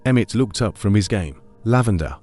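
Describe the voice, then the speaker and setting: A man with a low voice narrating a scripted scary story in a measured, somber way. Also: animated, a little mellow, soft background music.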